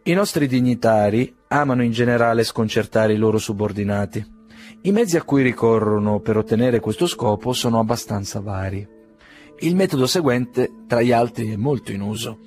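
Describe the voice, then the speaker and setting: A man narrating a classic novel in a measured, gently ironic audiobook reading. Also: mid-range voice, faint music behind.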